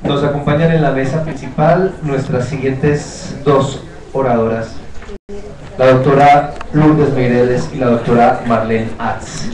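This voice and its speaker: A man's voice: mid-range voice, steady tone, unhurried. Echoey male conference moderator. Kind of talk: formal event announcements. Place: conference hall. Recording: echoey hall, distant mic, crowd.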